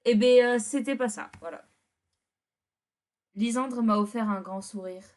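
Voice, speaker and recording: A woman's voice: on the high side, a little slow, darkish tone. A woman co-hosting a dating game playthrough, switching between reading the story text aloud and blunt, teasing, slangy commentary in casual chat.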